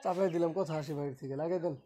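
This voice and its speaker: A man's voice: on the high side, quick pace, mellow. A man teaching English grammar in a classroom, quizzing his students and scolding them when they lose focus.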